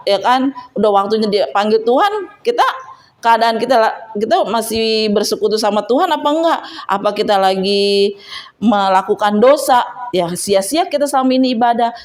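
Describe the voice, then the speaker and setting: A woman giving an earnest personal testimony and exhortation at a church fellowship, often turning to her listeners with rhetorical tags. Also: mid-range voice.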